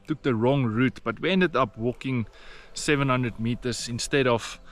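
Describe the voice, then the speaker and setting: A man with a medium-pitched voice and an Afrikaans South African accent narrates a casual hiking vlog at a moderate pace, out on a rainforest trail. His tone is plain and encouraging, and he leans on plenty of fillers.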